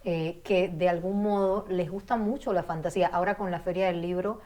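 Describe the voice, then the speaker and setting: A woman's voice: on the low side, steady tone, fairly quick, a little mellow. A woman with a Panamanian Spanish accent, hosting a casual interview and asking questions with some hesitation. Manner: attentive, asks questions with hesitations. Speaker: interviewer host.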